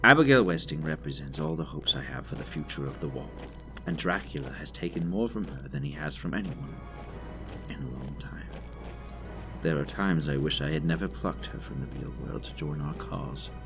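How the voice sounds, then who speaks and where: A man playing a grave, weary older military doctor and leader in an audio drama, speaking in formal, measured phrases. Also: a bass voice, animated, over music. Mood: grave, apprehensive. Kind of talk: audio drama acting with journal narration.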